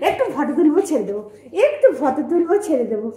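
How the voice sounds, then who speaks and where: Woman, pet vlogger, high voice, baby talk to her dog, echoey home recording. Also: lively intonation, rapid-fire, warm tone. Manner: coaxing, scolding baby talk to a dog, asides to viewers. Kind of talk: casual home pet vlog. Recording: echoey room.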